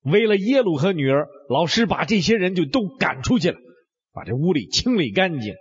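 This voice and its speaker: Man, high lively voice, husky, dramatic Bible storytelling, dull lo-fi recording. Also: brisk. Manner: animated, swings between whispers and exclamations.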